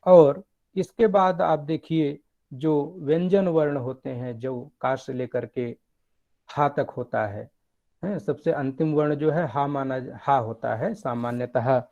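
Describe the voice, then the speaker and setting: A man giving a lecture, explaining step by step with animated emphasis. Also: mid-range voice, slow pace, dull audio. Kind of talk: academic lecture.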